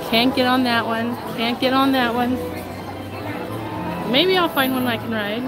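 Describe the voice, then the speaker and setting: An unhurried woman with a voice on the high side hosts a casual live stream while walking a crowded theme park, phone in hand. She laughs frequently and sounds a little nasal from a cold she's getting over, with loud crowd noise and park music behind her.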